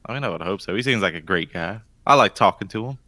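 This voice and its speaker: A male podcast co-host with a lively, swinging pitch who talks in rambling, hesitant stretches and jokes at his own expense. The sound is close and dry from a studio microphone. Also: fast, dry recording. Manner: rambling, hesitant, self-deprecating. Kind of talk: casual podcast banter.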